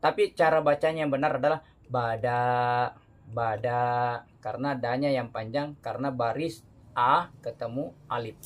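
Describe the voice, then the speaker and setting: A man teaching beginners to read the Quran, explaining each rule patiently, adding "ya" after phrases and drawing example words out slowly. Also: medium pitch. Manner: frequent "ya" tag after phrases. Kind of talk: step-by-step recitation lesson.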